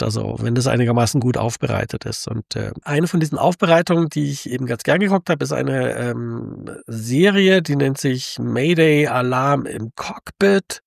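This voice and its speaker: A man's voice: medium pitch, gravelly, no echo, studio quality. A man talking in a casual, thoughtful monologue, with many fillers and restarts.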